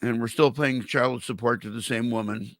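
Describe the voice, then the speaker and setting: An older man hosting a casual interview, talking haltingly with speech impeded by a swollen mouth. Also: mid-range voice, fairly even intonation, no room sound. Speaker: interview show host. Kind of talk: casual chat.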